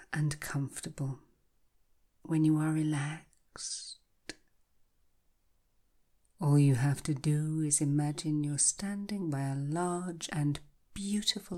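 A woman guiding a hypnotic relaxation in a soft, breathy, half-whispered voice, slow and soothing like a calming countdown. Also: low voice. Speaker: hypnotherapy guide. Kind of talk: guided hypnosis relaxation, scripted narration.

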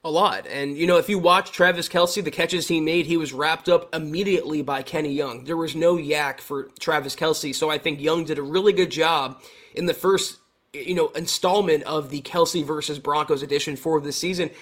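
An American man with a fairly high voice co-hosts a sports talk show. He lays out his analysis conversationally, in a measured and casual way. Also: fairly even intonation, fairly bright tone. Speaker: sports livestream co-host.

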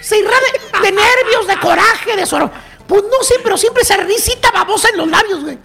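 A man with a Mexican accent hosting a comedy radio show, mocking and rowdy, often breaking into shouts. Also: extremely high pitch, moderate pace, gravelly.

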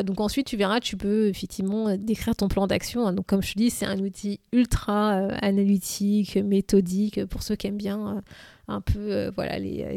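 A woman hosts a solo podcast in a medium-pitched, darkish voice with vocal fry, recorded in a clean studio with no echo. Methodical and informal with the listener, she walks them step by step through a self-coaching exercise, using frequent fillers.

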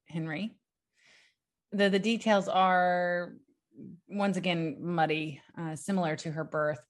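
A young adult woman, a podcast co-host, excitedly recounting history from notes in a casual chat, prone to giggles. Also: lowish voice.

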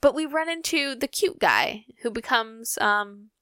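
A woman's voice: on the high side, lively intonation, unhurried, bright, forceful tone, clean tone, no room sound, clean studio sound. A woman in her thirties co-hosting a podcast, chatting casually and rambling with fillers. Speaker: podcast co-host. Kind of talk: casual chat.

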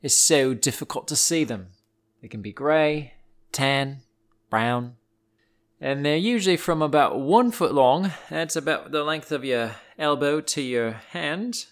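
A children's animal podcast host, his voice a little high and his pace measured, tells animal stories in a playful, theatrical put-on accent. The informal narration for listeners comes from a spot indoors next to a wood stove.

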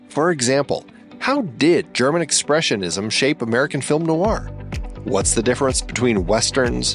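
A man with a mid-range voice delivers scripted podcast narration as the host. Faint music plays along with him. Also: medium pitch.

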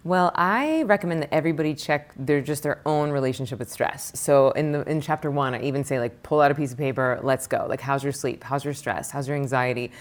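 A woman meditation teacher and author answering interview questions, rattling off lists of questions in an animated way. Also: very deep voice, brisk, hardly any pauses.

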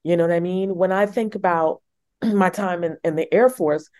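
A woman's voice: lowish voice, normal speed, a little mellow. A woman from New York with a faint New York accent, interviewing a guest in casual conversation. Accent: New York, switched off.

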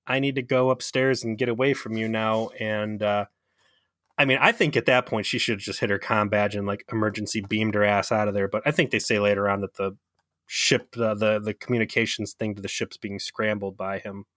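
A man's voice: on the low side, steady tone, fairly quick, fairly bright tone, dry recording, clean studio sound. A man co-hosting a podcast, chatting casually about a TV episode, swearing and laughing as he acts out lines. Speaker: podcast co-host. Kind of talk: casual chat recapping a TV episode.

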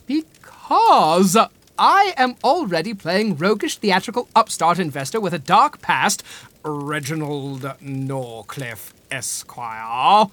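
A woman's voice: fairly low pitch, lively intonation, slow pace, fairly bright tone. A woman playing a pompous, fussy, theatrical amateur detective in an audio comedy drama, with grand and wordy phrasing. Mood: pompous, explaining.

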